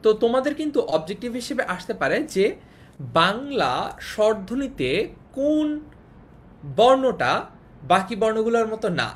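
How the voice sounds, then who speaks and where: A woman's voice: big pitch swings, moderate pace, pauses often. A woman teaching an online class, explaining patiently, repeating key points and checking that students follow. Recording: faint noise and low rumble.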